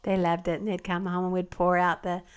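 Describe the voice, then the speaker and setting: A woman's voice: on the low side, little pitch movement, fairly quick, clear, resonant tone. An older woman, a grandmother, reminiscing in casual chat and chiming in on her husband's stories.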